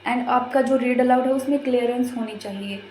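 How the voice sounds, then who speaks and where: A woman's voice: fairly high pitch, steady tone, a little fast, darkish tone, reverberant, a little hiss or hum, low-quality recording. A woman giving a patient, step-by-step lesson as an exam prep teacher, repeating her points as she explains.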